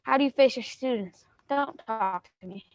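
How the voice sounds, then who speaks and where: A woman playing a mock-indignant, deadpan narrator who accuses the audience in a comic school stage play. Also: a little high, moderate pace, dry recording, highs cut off, soft background music, natural voice.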